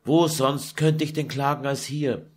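A man's voice: little pitch movement, a little slow, close to an everyday voice. A man reading a German audiobook, voicing a young noblewoman who is weary and sad. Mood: plaintive. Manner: high plaintive lament.

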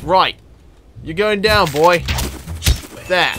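This gaming video host has a high, pushed, bright voice and draws out his words while giving casual let's-play commentary. He's exclamatory and speaks directly to the characters on screen. Game music plays behind him, with slight background noise.

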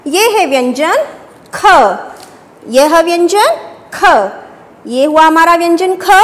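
A woman's voice: very high-pitched, big-room sound. A woman teacher giving a children's language lesson, who repeats each point as a question and then answers it.

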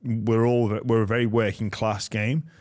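Male host, late 30s, low voice, fumbly casual interviewer. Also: flat delivery, a little mellow. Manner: halting, restarts often while asking questions. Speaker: podcast host. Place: podcast studio, indoors. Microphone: studio mic on a boom with headphones.

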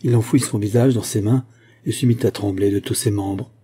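A man narrating an audiobook in a steady, measured reading. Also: fairly low pitch, breathy edge. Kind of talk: scripted narration.

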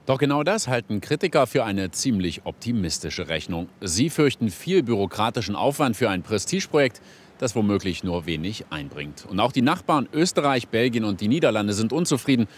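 A man reading a scripted news report as a voice-over, measured and clearly articulated. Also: fairly low pitch, sing-song.

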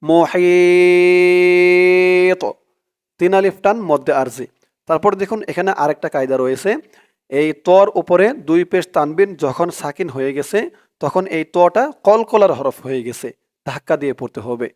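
A man teaching Quran reading, who recites verses slowly and melodically and then explains the pronunciation rules quickly and quietly. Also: on the high side, lively intonation.

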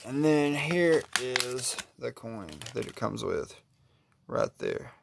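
A man with a drawl talks slowly in a gravelly, creaky voice. He chats in an easygoing, relaxed way, admiring each card he pulls from a pack. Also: mid-range voice, background noise. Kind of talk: casual unboxing commentary.

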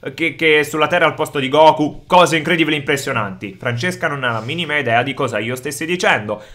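Male gaming host, bright and somewhat high voice, hypes every fight with loud shouts. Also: fast talker. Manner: energetic, exclaims loudly during fights. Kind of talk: excited gameplay commentary.

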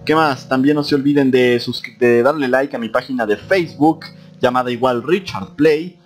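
A young man commentating a horror game, reading on-screen text aloud and jumping to high-pitched exclamations. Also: normal speed, soft background music. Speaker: gaming YouTuber.

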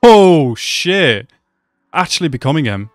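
Lively young man reacting excitedly. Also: a little high, measured pace, no room sound, studio quality, soft background music. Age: young adult. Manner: animated, exclaims and laughs often. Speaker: anime reaction youtuber. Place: small room at home.

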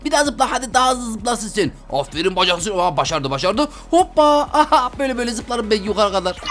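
A young man hosting a game video, commentating his play, chatty and slangy with sudden loud exclamations. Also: sits high, fast, soft background music. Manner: excitable, loud outbursts and frequent exclamations; talks to viewers as friends, slangy. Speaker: gaming video host. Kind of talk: Roblox gameplay commentary.

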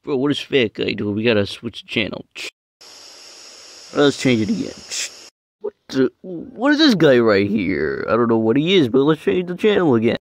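A man's voice: mid-range voice, wildly swooping pitch, normal speed, no room sound. A man narrating and improvising a homemade video story in a casual, rambling way with lots of fillers.

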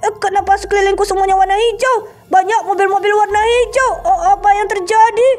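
Hamburger monster, giant and grumpy, groggy and whining, a woman acting it out, very high voice, faint music behind, animated game drama. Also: fairly quick. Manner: groggy, indignant, whining in pain.

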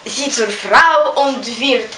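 A woman's voice: fairly high pitch, takes it slowly. A worried fussing king. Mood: pleading. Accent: Ukrainian. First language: Ukrainian. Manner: pleading, earnest. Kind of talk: school play acting. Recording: echoey room from far off, music behind.

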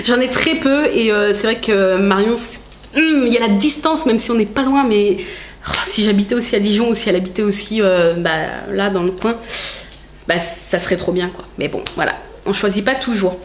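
A woman's voice: medium pitch, moderate pace, a little hiss or hum. Chatty woman vlogger in an echoey room. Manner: chatty, rambling, many fillers and self-corrections; laughs often, playful teasing. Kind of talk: casual chat, opening gifts on camera. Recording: roomy echo.

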